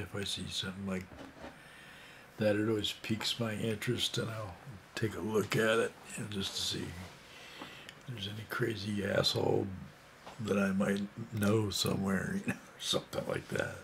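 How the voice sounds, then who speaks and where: A man's voice: on the low side, slight background noise. A man in his sixties telling a rambling, casual story full of fillers and asides. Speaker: vlogger.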